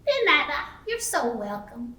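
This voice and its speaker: A woman's voice: sits high, very animated, unhurried, pushed and bright, full character voice. A woman voicing a kindly little witch puppet who knows a spell, in a bilingual children's puppet show. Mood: cheerful. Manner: bilingual, repeating each line in Spanish and English. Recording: echoey room, far from the mic.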